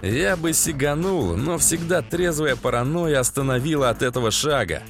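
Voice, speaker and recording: A man narrating an audiobook in the first person, in a lively, coarse-spoken way. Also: on the high side, normal speed, vocal fry, over music.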